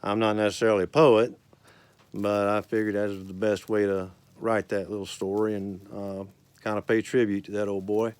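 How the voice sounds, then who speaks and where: Smooth, low-voiced cowboy storyteller man. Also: level tone, darkish tone. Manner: folksy, unhurried storyteller. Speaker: cowboy poet and author. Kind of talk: cowboy poetry recital and casual folksy talk.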